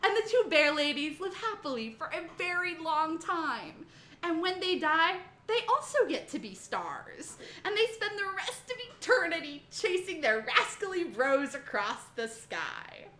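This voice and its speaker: Very high-pitched and very animated, with a sharp tone and a measured pace, a woman reads in a reverberant room. She's an amateur giving a sassy, emphatic, profane dramatic reading of a humorous myth retelling, drawing words out for comic effect.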